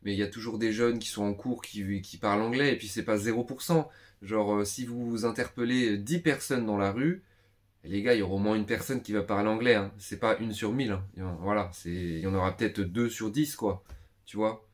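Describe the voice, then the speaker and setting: A man's voice: lowish voice, fairly even intonation, brisk. A man in his twenties giving a casual spoken lesson, chatty and full of fillers, talking straight to his viewers. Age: 20s. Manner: chatty, many fillers, addresses viewers directly. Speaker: language teacher.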